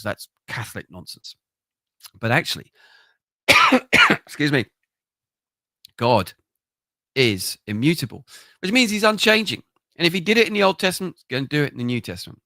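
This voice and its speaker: A man's voice: mid-range voice, a bit bright, no room sound, studio quality. A middle-aged man, a pastor, giving a conversational sermon from a prayer room, telling stories and acting out the voices of the people he quotes. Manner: storytelling, acts out quoted voices.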